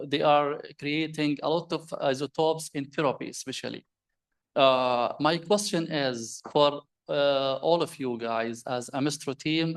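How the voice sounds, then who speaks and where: Man, earnest questioner, fairly high voice, conference hall. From Jordan. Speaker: audience member asking a question.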